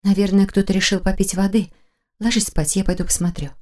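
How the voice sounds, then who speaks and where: Audiobook role: a tense, protective young woman, read by the narrator, hushed and warm-toned. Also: mid-range voice, flat delivery, fairly quick, lightly acted. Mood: urgent. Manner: hushed, urgent. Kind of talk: audiobook character voice.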